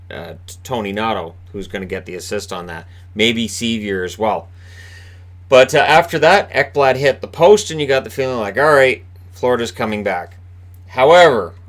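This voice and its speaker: A Canadian man with a booming voice hosts a casual solo hockey recap from a room at home. As a hockey commentator and video host, he rambles chattily, full of fillers and restarts.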